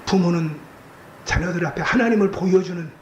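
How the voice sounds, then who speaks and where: A male pastor preaching a sermon with strong emotion, acting out quoted voices and rising to shouts. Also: sits high, fairly quick. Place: church sanctuary. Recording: echoey church sanctuary, faint noise.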